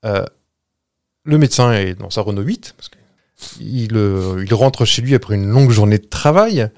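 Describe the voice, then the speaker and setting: Lively man telling a ghost story. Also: lowish voice, moderate pace, vocal fry, dry recording, clean studio sound. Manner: tells a ghost story with jokes and hesitations. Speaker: podcast storyteller. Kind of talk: casual storytelling chat.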